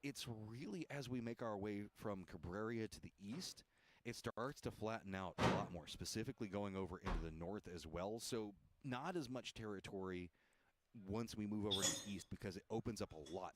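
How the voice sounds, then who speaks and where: A man's voice: fairly low pitch, a little fast, noisy background. A man giving live esports analysis as a co-caster, joking and peppered with "like". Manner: joking, uses lots of "like" and "I mean". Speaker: esports color commentator. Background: music.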